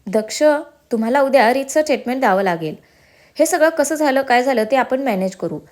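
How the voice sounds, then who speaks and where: A woman voicing a calm, reassuring young police officer in a storybook reading. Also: high voice, fairly quick.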